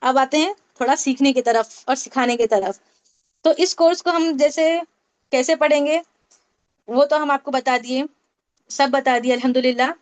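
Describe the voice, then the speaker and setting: A woman teaching a Tajweed class online, explaining step by step, asking the class questions and repeating key points. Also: sits high. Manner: explains with questions and repetition, mixes English terms. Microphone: online meeting call.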